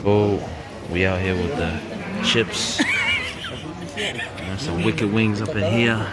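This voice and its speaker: A man's voice: on the low side, takes it slowly. A man chatting casually to a camera in playful, slangy banter. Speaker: vlogger. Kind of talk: casual chat, vlog. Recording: loud crowd chatter behind voice. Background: busy crowd.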